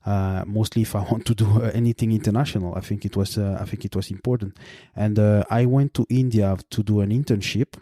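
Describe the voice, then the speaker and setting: A Belgian man in his late thirties, a native French speaker with a Belgian French accent, hosts a solo podcast at a measured pace, with frequent fillers and restarts. His voice is lowish, steady and warm, recorded at studio quality with no echo.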